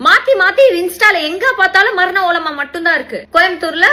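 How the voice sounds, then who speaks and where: A woman's voice: very high-pitched, a little fast, sharp tone. A woman, giving an indignant political rant full of rhetorical questions in a social media video.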